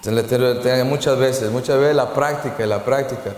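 A man's voice: mid-range voice, normal speed, darkish tone. A man giving a church talk, teaching the Hebrew alphabet in an informal way, often restarting his sentences and leading the group in repeating letters. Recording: echoey hall with long reverb.

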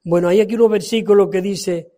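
A man preaching a fervent sermon, reading scripture aloud and swinging from loud emphasis to soft pleading. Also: high-pitched, steady tone, fairly quick.

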